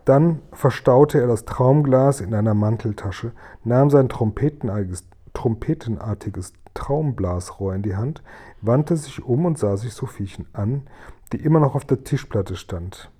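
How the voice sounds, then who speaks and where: Warm-voiced man reading a children's book. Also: mid-range voice, unhurried, husky. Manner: lively, expressive storytelling. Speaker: reader.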